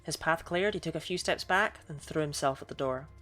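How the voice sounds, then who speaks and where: Woman, low voice, scripted game narration, streamer, soft music behind. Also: fairly quick.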